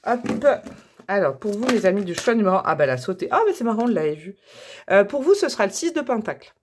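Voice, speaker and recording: A woman's voice: medium pitch, big pitch swings, fast talker, a little hiss or hum. A French woman talking casually to her viewers while drawing tarot cards, chatty and full of fillers and self-corrections. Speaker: tarot reader and channel host. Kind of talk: casual tarot reading to camera.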